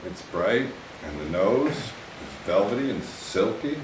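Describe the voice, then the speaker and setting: Male wine-show co-host, deep voice, conversational, roomy off-mic sound. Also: lively intonation, a little slow. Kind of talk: wine review, conversational interviewing. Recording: roomy echo, distant mic, faint noise.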